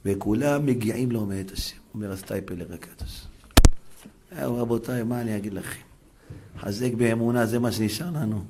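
A man preaching an emotional sermon on faith, fervent and dramatic, moving between loud calls and hushed pleading. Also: lowish voice, background noise. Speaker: religious preacher.

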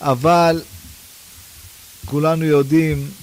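A man preaching a sermon, animated, firing rhetorical questions and swinging between loud and hushed delivery. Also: fairly high pitch, rough recording.

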